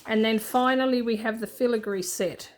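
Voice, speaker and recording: A woman's voice: on the high side, normal speed. A woman hosting a budgeting channel, chatting casually as she shows her printables and laughs at herself. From Australia. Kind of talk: casual show-and-tell walkthrough.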